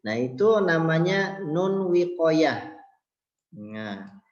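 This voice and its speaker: A man's voice: fairly high pitch, sing-song, very slow. A man teaching how to recite the Quran, explaining patiently and calling his listeners children, with chanted verses in between. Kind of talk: tajwid lesson with chanted recitation. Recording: roomy, dull lo-fi sound.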